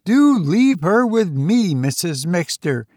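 A man reading aloud, voicing a blunt, sharp-tongued older village woman. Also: sits high, very animated, slow pace, no room sound, clean studio sound, exaggerated voice. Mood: pointed. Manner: blunt, pointed.

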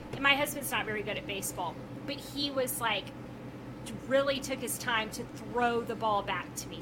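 Woman, fairly high voice, podcast co-host, casual storytelling, animated, clear background noise. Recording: clearly noisy recording.

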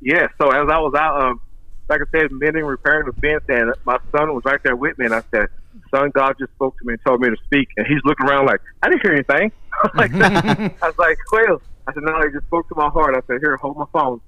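A man in his thirties speaks with a bright, forward tone. He talks as an earnest, devout guest who cites scripture. His audio is dull and dry, coming over a remote call. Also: fairly high pitch, brisk, no echo. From Texas. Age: 30s. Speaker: guest, rancher and maintenance manager. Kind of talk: casual interview storytelling.

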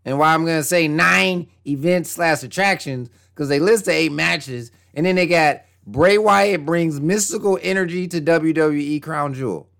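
A man's voice: moderate pace, gravelly, hardly any pauses. A young man chatting casually and jokingly on a wrestling podcast, using slang and swinging his voice around for effect. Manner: animated, jokey, slangy, with big pitch swings. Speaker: podcast co-host.

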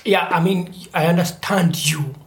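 A person from Uganda who runs an organization, speaking in a measured, reflective way in a discussion. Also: medium pitch. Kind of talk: conversational discussion.

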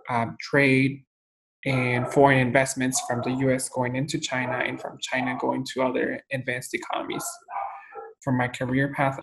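A young man from Guatemala, answering interview questions in a steady, methodical way with frequent fillers. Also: medium pitch, background noise. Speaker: interview guest.

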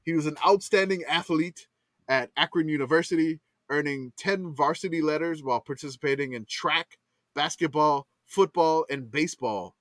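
A podcast co-host from Louisiana, with a Louisiana accent, rambles casually through sports history and laughs at himself. His voice is a little high and fairly bright, his pace moderate, and there's no room sound.

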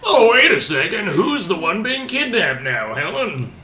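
An actor playing a cranky old husband in an improvised comedy scene, with a quavering aged voice and a blustering, grumbling manner. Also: male voice, high voice, sing-song, unhurried, crowd noise. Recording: roomy stage sound.

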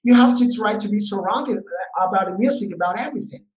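A Colombian man, a guest English teacher with a Colombian Spanish accent, talks casually in an interview, speaking quickly in a voice that sits high. His talk is loose and repetitive, full of fillers and restarts, and the recording has a roomy echo.

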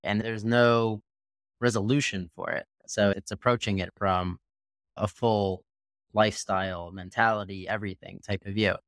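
A man's voice: lowish voice, steady tone, normal speed, fairly bright tone, no room sound. A man hosting an interview, reflectively summing up what his guest said. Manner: reflective, summarizing the guest's point. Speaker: podcast host. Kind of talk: conversational interview.

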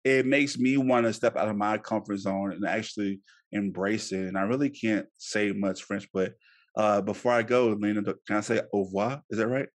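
A man's voice: fairly low pitch, steady tone, moderate pace. A man hosting a podcast, talking in a loose, chatty way with many fillers and restarts. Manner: upbeat sign-off plugs. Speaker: podcast host. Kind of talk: casual podcast interview.

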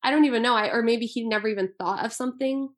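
A woman's voice: a little high, fast talker. A woman in her twenties, born in Albania, speaking as an author in an earnest, thoughtful interview. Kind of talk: interview answers.

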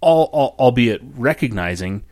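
A man in casual podcast chat, animated and often restarting his sentences. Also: mid-range voice, normal speed, dry recording, clean studio sound.

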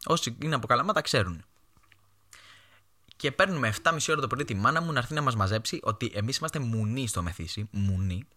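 A young man from Greece hosts his own podcast and tells stories from his life in a casual way. His voice is bright and forceful. His pitch moves a lot as he acts out the voices of the people in his stories. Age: young adult. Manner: animated, acts out his mother's voice in quoted lines. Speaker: podcast host. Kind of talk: casual storytelling monologue.

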